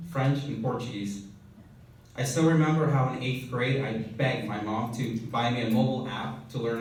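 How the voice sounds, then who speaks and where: A young man from Honduras delivers an earnest keynote speech at a measured pace. His voice sits in the middle range and booms around a very echoey hall, picked up from a distance with a faint hiss underneath. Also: darkish tone. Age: young adult. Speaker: keynote speaker. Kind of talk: prepared speech. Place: event hall.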